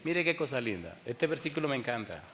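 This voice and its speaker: A male pastor preaching a sermon, firing rhetorical questions at his congregation and swinging between booming emphasis and hushed storytelling. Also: sing-song, fast talker, slight background noise. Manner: rhetorical call-and-response questions. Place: church sanctuary during a televised service. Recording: long hall reverb.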